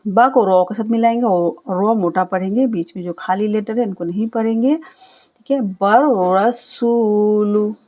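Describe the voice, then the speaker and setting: A woman teaching Quran recitation, spelling out letters and vowels, then chanting each word slowly and drawn out, with patient explanations. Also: medium pitch, dark tone. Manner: explains rules patiently, often checks with a quick "okay". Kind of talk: step-by-step recitation lesson.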